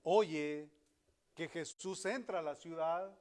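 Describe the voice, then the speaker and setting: A man's voice: on the high side, slow, darkish tone. A man preaching a sermon as pastor, emphatic, acting out the voices he quotes.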